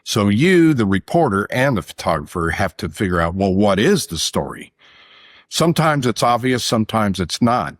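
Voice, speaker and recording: A man's voice: on the low side, very animated, moderate pace, no room sound, studio quality. A middle-aged man, a podcast co-host and former TV editor, chatting and asking probing questions. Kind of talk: casual chat.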